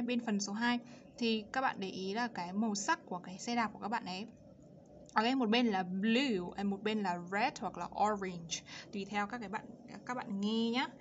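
A woman teacher walks young learners through an English exercise, drawing out English words and their sounds so each one is clear. The recording is a little dull, with a faint hiss behind her. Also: mid-range voice. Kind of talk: explaining an English lesson for children.

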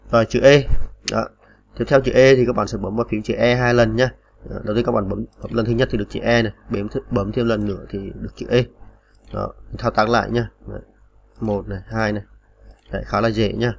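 A man's voice: lowish voice, gravelly. A man teaching typing on a computer in a patient, step-by-step way, with many small fillers. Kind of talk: screen-recorded typing tutorial.

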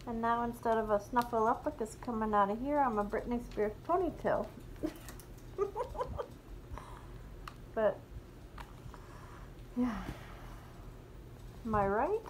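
A woman's voice: fairly high pitch, slow, long pauses, a little hiss or hum, poor audio. A woman chatting casually for her vlog while talking through a face mask, self-deprecating and laughing often. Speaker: vlogger.

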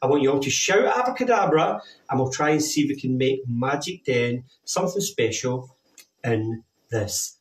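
A middle-aged Scottish man works as a kids party magician. He coaxes children along in repeated, simple phrases at a medium pitch. He stands a little way from the microphone in a roomy, echoing space. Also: animated, normal speed. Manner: kids party magician, coaxing and repetitive, with jokey asides. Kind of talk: kids' party magic show patter, addressed to children. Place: indoors, living room with stage backdrop. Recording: roomy echo, distant from microphone.

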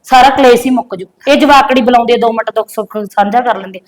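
A woman's voice: a little high, natural voice. A woman playing an outspoken middle-aged aunt who takes the young wife's side. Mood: indignant. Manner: outspoken, quick comebacks.

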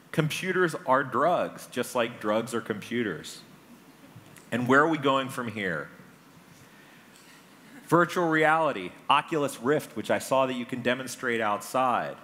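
An American man in his forties gives a public talk as a conference speaker on a large indoor stage. His voice is medium-pitched and fairly bright, picked up by a stage mic with clear background noise.

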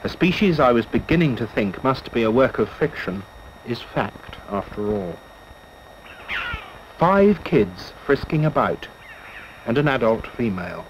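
Man, nature documentary narration, scripted, measured literary storytelling, mid-pitched, muffled vintage film track, slight background noise. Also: very animated. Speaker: documentary narrator and expedition member. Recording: dull lo-fi old film soundtrack with hiss.

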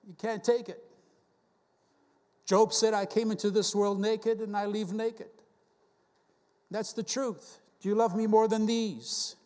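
A man's voice: high voice, steady tone, a little slow, pauses often, a little mellow, long reverb tail. A man preaching a sermon as a guest preacher, earnest and full of rhetorical questions as he quotes scripture. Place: church sanctuary.

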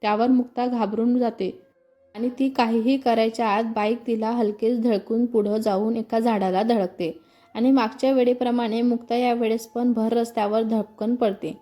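A woman narrating a romantic story in a steady, even reading, then asking listeners to like and subscribe. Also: fairly high pitch, moderate pace, faint music behind.

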